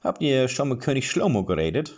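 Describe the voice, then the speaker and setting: Gernhard, a man voicing a loud jovial dwarf. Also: mid-range voice, big pitch swings, brisk, lo-fi sound, voice pushed up. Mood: brash jovial. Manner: loud, breezy, mocking. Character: jovial dwarf police chief, armored, brash.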